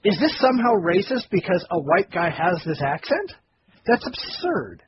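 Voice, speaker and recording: A man's voice: sits high, big pitch swings, normal speed. A man co-hosting a casual podcast, wry and joking as he argues his point. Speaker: podcast co-host. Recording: dull lo-fi podcast audio with noise.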